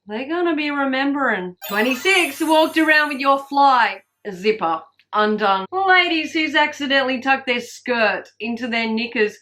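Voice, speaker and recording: A woman's voice: high voice, animated, normal speed, hardly any pauses, sharp tone, low-quality recording. A woman in her forties with an Australian accent, counting down a list of embarrassing habits with candid, sweary, wry asides. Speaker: vlogger. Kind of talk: listing funny confessions to camera.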